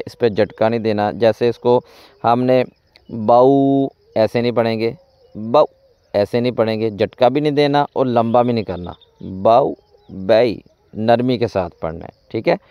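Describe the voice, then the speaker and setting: A man teaching Quran reading and tajweed rules. He spells out letters in slow, deliberate drills and repeats each rule in a question-and-answer form. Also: mid-range voice, clear, resonant tone, no echo, dull audio. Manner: recites in a raised, drawn-out chanting tone.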